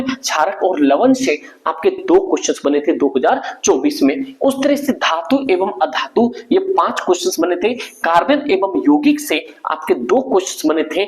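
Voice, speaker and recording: A man's voice: sits high, low-quality recording. A young man teaching an exam revision lesson in an informal, brotherly way, often checking that students follow along.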